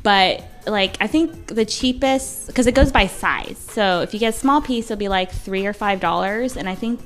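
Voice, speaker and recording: A woman's voice: mid-range voice, moderate pace, faint music behind. A woman guest on a podcast, chatting casually with lots of fillers. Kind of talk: casual chat.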